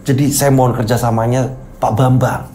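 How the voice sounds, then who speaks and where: A man's voice: mid-range voice, little pitch movement, fairly quick, mellow, slight background noise, close to an everyday voice. A man voicing a patient middle-aged village head who speaks politely, carefully and with hesitations.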